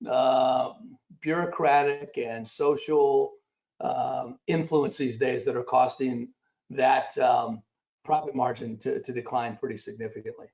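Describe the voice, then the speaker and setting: Raspy guy presenting at a conference, lots of uhs, dull muffled audio. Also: medium pitch, fairly even intonation, darkish tone. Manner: halting, many fillers, reads statistics off slides. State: raspy after illness. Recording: dull lo-fi recording.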